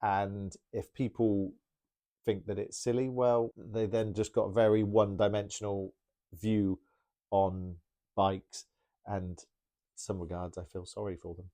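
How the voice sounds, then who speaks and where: Casting: chatty male bike mechanic, low mellow voice, enthusiastic rambling Q&A. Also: level tone, measured pace. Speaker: bike mechanic answering viewer questions. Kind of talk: casual Q&A talk.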